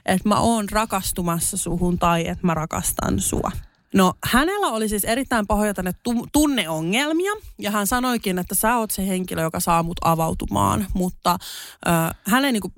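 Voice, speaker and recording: Young Finnish woman, podcast co-host, casual storytelling, dry close mic, mid-pitched, voice leaps up when she's indignant. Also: no echo. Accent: Finnish, mixing in English words. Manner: animated, voice jumps high when indignant.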